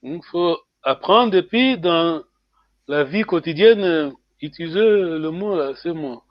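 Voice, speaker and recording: This is a man running a language lesson on a video call. His voice sits high and he takes his time, repeating each word patiently. The call audio is slightly dull and lo-fi. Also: expressive, dry recording. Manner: repeats words slowly, frequent "hein" checks; switches between French and Portuguese. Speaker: language teacher. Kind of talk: online class teaching.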